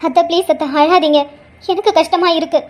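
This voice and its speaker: Woman voicing a young mother, cartoon drama, tearful, pleading, resolute, high voice. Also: fairly even intonation, fairly quick, heavy background noise.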